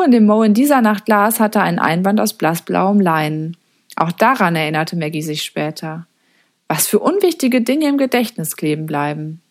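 Woman reading a storybook aloud. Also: on the low side. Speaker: audiobook narrator. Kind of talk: scripted storybook narration.

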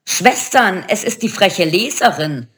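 A woman's voice: mid-range voice, expressive, a little slow, a bit bright. A woman voicing three spiteful old witches who shriek and wail, in a storybook reading. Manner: shrieking, wailing.

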